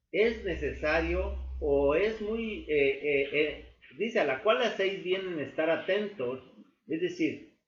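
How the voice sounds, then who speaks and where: A man teaching a Bible study class, explaining slowly with many fillers and restatements. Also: on the high side. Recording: echoey, dull room recording with faint noise.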